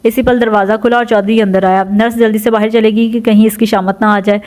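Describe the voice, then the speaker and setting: A woman narrating a romance audio novel in a steady storytelling manner. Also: a little high.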